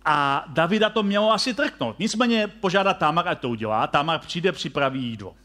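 A male preacher with a rather high, bright voice, lively intonation and a forceful tone tells a story in sermon form. He poses direct questions to his listeners and frequently restarts or repeats his phrases.

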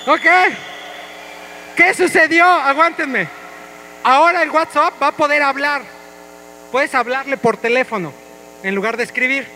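A man, pitched very high, leads his congregation with an energetic, playful voice. His tone is bright and ringing as he coaxes the crowd along. A faint hum sits under the church sound. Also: measured pace, pauses often, low-quality recording. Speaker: pastor. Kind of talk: interactive church sermon. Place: church hall.

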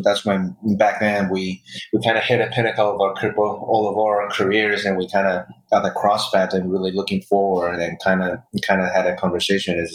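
Low-voiced middle-aged man in an echoey recording. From Taiwan and the United States. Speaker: guest, chef and restaurant owner. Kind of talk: conversational interview answers. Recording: echoey, distorted remote podcast recording.

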